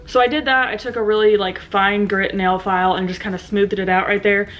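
A young woman talks to the camera in a relaxed bedroom vlog, peppering her speech with ums and likes, with a slight lisp from new aligners. The camera sits in front of her. Her medium-pitched voice is fairly quick with little pitch movement, and the highs are cut off.

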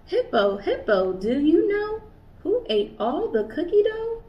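With a very high voice, big swings in pitch and a slightly slow pace, a young adult American children's librarian reads a picture book aloud to kids in a playful sing-song manner. She's in a small indoor room, and the recording is a bit distant, dull and faintly hissy.

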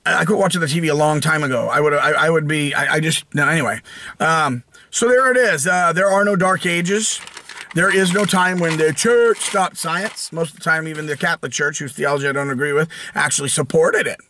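Bright-voiced American man ranting. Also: fairly high pitch, a little fast, a little hiss or hum. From United States. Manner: rambling and sarcastic, with many restarts and fillers. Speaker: channel host. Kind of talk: casual opinion rant.

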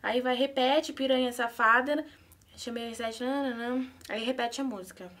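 A woman's voice: a little high, normal speed, fairly bright tone. A young woman with a Brazilian accent chatting nervously and giggling through a prank video. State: anxious. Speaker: YouTuber pranking her mother. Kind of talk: casual prank vlog chat.

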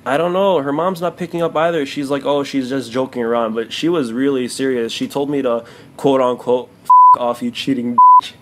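A man's voice: mid-range voice, fairly even intonation, fairly quick, darkish tone. Earnest young male prank caller, noisy room. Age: 20s. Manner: earnest, hesitant, filler-heavy oversharing. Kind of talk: casual prank phone call. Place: small bare-walled room indoors. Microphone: camera a few feet away.

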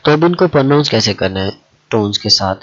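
A man who teaches a language lesson, talking slowly and repeating himself with many fillers. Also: fairly low pitch, animated. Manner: slow and repetitive, with many fillers. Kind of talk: explaining a lesson. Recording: dull lo-fi audio.

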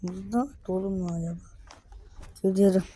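A woman giving gameplay commentary, muttering quietly and then breaking into excited, slangy outbursts. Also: mid-range voice, brisk, a little hiss or hum. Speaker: gaming video creator.

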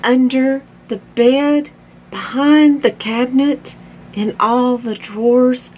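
A woman's voice: high voice, steady tone, takes it slowly, a little mellow, a little hiss or hum, voice pushed up. A woman voicing a concerned mom in a storybook, with an anxious, questioning manner.

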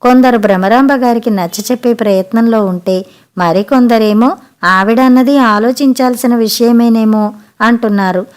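A woman narrating a family story for an audiobook in an expressive, measured way. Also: fairly high pitch.

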